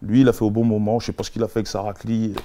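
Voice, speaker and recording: A man, an interview guest, telling his story casually in heavy street slang, animated and full of sound effects. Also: on the low side, very fast.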